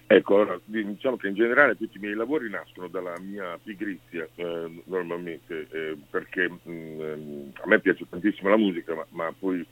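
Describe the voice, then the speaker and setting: A man on speakerphone as a guest musician in a radio interview, hesitant and quiet, with many pauses and fillers. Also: deep voice, steady tone. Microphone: phone on speakerphone. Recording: tinny phone line.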